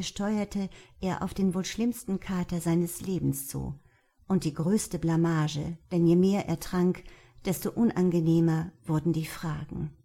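Woman, audiobook narration, steady, even, low voice. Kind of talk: scripted narration.

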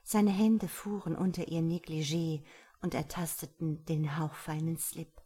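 A woman narrating an erotic romance novel in a breathy, intimate reading. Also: low-pitched, steady tone, a little slow, mellow. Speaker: audiobook narrator.

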